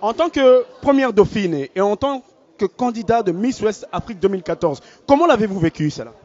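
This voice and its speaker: Interviewing guests live at a beauty pageant gala for a web channel, a man keeps an upbeat, formal manner and repeats announcements. His high voice is a little mellow, lively, and fairly quick. Muffled lo-fi recording from the crowded event hall carries a faint crowd.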